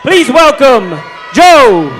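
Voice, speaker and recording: High-pitched male arena announcer, echoing. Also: sing-song, fairly bright tone. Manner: projected, drawn-out showman calls. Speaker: boxing ring announcer. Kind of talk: arena announcer introducing fighters. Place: indoor boxing arena. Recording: echoey venue PA, faint background noise.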